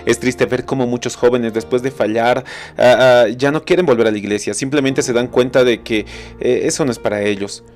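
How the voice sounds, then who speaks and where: A man preaching a recorded sermon, telling a story dramatically, slowing down for emphasis and speaking earnestly to the listener. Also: medium pitch, steady tone. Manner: addresses the listener directly and earnestly. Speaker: pastor. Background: soft instrumental music.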